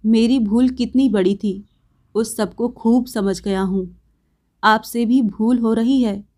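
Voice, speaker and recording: A woman playing a stern young man, calm, quiet, firm, slow. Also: a little high.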